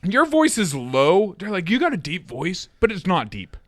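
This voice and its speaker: A podcast co-host chats casually, laughing often and speaking with lots of inflection, his pitch swooping wildly though his voice is naturally deep. He talks at normal speed with a fairly bright tone, and the studio recording is clean, with no room sound.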